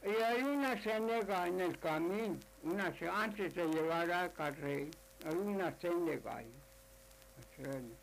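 A man telling a traditional folk tale, repeating his "he said" over and over. His gravelly voice sits a little high and moves at a slow, deliberate pace, with a faint hiss behind it. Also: low-quality recording. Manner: repetitive, full of "dice" and "le dijo". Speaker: storyteller.

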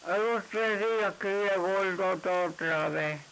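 A man tells a folk tale slowly in a high, gravelly voice. He circles back over each line, tagging quotes with "le dijo". A faint hiss sits under the recording. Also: fairly bright tone, poor audio. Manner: repetitive, unhurried, with constant "le dijo" tags. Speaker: storyteller. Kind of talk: oral folk tale telling.

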